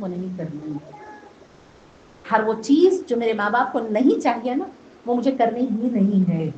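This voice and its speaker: A woman's voice: medium pitch, mellow. A woman with a Pakistani Urdu accent giving a devotional sermon at a gathering, telling a story and putting rhetorical questions to her listeners, rising to emphatic peaks. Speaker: zakira, religious speaker. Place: imambargah gathering hall. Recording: echoey lo-fi hall recording with faint hiss.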